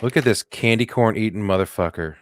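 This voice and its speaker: Co-hosting a comedy podcast, a man with a lowish voice and brisk delivery jokes and riffs in casual conversation. Every so often he slips into silly put-on voices.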